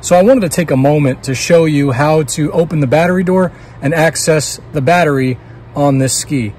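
A man in his thirties with a fairly high, slightly rough voice, speaking at a moderate pace, is a dealer host giving a how-to outdoors beside a jet ski. He talks plainly and relaxed into a phone camera held close, using fillers as he works through the hands-on tutorial.

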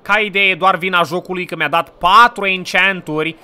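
A man hosting a casual let's-play, playful and mock-villainous, breaking into excited outbursts. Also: sits high, crowd noise. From Romania. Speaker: gaming channel host.

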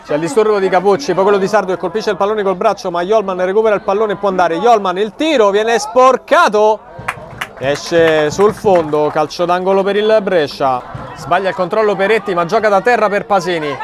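A man commentates live on a football match in a high-pitched voice. His goal calls are breathless and excited. Crowd noise from an outdoor ground surrounds him. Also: a little fast. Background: crowd at a small outdoor football ground.

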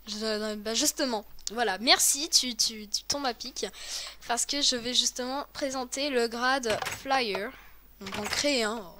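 A woman hosts a casual game tutorial video with a friend, speaking chattily and hesitantly with many fillers and restarts. Her fairly high voice has a sharp tone and a slightly slow pace, with slight background noise.

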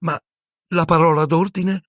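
A man's voice: a little high, steady tone, measured pace, no room sound, studio quality, pitched above the performer's own voice. A man playing a stern older woman professor. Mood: stern, scolding. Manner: sharp, scolding.

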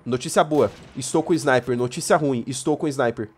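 A man with a Brazilian Portuguese accent hosting a let's play, joking and yelling during firefights and haltingly reading mission text aloud. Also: medium pitch, background noise. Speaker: gaming channel host.

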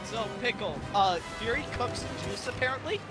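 A man's voice: extremely high pitch, lively intonation. A young man in a casual gaming chat, teasing his friends and laughing. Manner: teasing, laughing, quick questions. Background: loud game music and battle sounds.

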